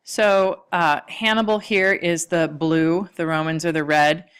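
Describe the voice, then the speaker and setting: A woman with a low voice gives a history lecture, pointing to maps and slides as she goes. Her delivery is casual and loose, full of small fillers and restarts. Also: fairly even intonation, a little slow, clear, resonant tone. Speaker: history teacher. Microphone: lecture recording mic.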